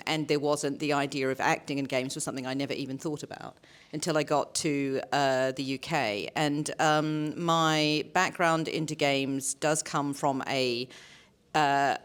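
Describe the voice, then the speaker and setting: Low-voiced woman, light New Zealand accent. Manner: explanatory, repeats key points. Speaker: voice and performance director. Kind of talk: conference panel talk. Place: conference stage.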